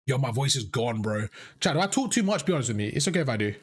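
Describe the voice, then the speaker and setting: This young streamer speaks in a mid-range, slightly rough voice with big pitch swings and a quick pace. Coaching players and bantering with his audience, he keeps things loose and repetitive, addresses chat as "bro," and sounds worn out from talking.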